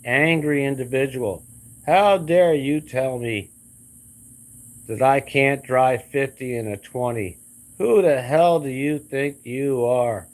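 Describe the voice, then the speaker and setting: A man voicing an angry, hostile redneck neighbor in a slow, drawn-out snarl. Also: medium pitch, close to an everyday voice.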